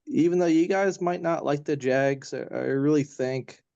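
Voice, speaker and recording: A man speaks in a mid-range voice over dull, slightly muffled audio with no room sound. He talks haltingly, full of "uh" and "you know", circling back before finishing each thought. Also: fairly high pitch, gravelly, dark tone, clear, resonant tone, dry recording. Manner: halting, many fillers and restarts. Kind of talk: casual podcast chat.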